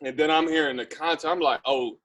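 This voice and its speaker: A man animatedly recounting his reaction as a friend, in a casual interview. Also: fast. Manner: animated storyteller, jumpy pitch. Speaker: guest friend.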